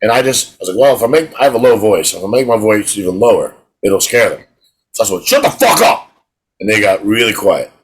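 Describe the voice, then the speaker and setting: This middle-aged man co-hosts a podcast, spinning rambling stories in a casual chat and restarting his words, often repeating them as he begins. His voice is lowish and slightly rough, and he talks briskly.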